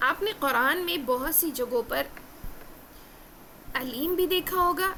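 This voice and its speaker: A woman teaching Quran recitation rules in an earnest lesson, repeating key phrases and slowing down for emphasis. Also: very high voice, pushed and bright, slight background noise. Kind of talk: religious lesson.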